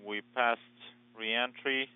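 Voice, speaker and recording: A man giving terse, flat radio callouts over a choppy transmission that keeps breaking up. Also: medium pitch, slow pace, clean tone, no echo. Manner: clipped, flat, relaying reports. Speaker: mission control radio interpreter. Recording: tinny noisy radio link from far off.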